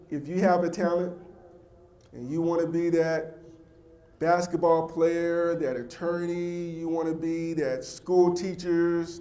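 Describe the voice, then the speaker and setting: A man's voice: a little high, warm tone. A man giving a heartfelt, emphatic motivational speech to a young audience, speaking directly to the crowd. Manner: heartfelt and earnest. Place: large event hall with a live audience. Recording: echoey hall with faint ambience.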